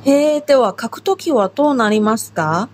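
A woman's voice: fairly high pitch, expressive, normal speed, a little hiss or hum. A woman from Taiwan co-hosting a language lesson podcast, curious and asking the host questions. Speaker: Chinese language instructor, co-host.

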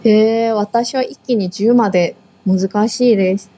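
A woman's voice: mid-range voice, fairly even intonation, a little slow, dark tone, husky. A woman from Korea co-hosting a language lesson, repeating words after the teacher and chatting about customs. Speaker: co-host and learner. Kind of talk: casual language lesson chat.

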